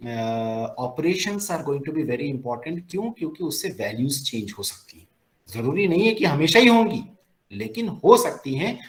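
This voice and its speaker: Man teaching logic, lively swooping delivery, slightly high voice, asks and answers his own questions. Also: rough recording. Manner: lively, asks questions and answers them himself, mixes in English phrases. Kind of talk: classroom lecture on a recorded screen.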